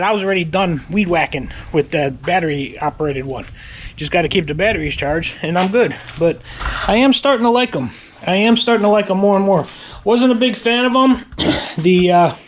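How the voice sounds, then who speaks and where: A man's voice: sits high, poor audio. A man casually vlogging outdoors in his backyard, rambling and repeating himself with lots of fillers. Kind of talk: casual vlog chat.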